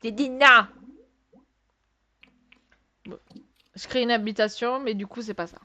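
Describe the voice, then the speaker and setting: A woman with a slightly high voice talks her viewers through a game, chatty and exclamatory. She keeps up a running commentary full of exasperated asides and sighs, in a loose, unscripted let's-play style. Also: fairly even intonation, unhurried, sharp tone, slight background noise. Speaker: gaming video creator.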